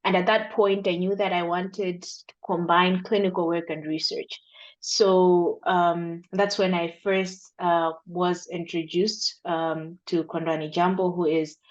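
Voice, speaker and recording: A young woman from Malawi, a medical doctor, answering interview questions thoughtfully with many pauses. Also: lowish voice, flat delivery. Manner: thoughtful, with many ums and uhs. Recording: dull lo-fi sound.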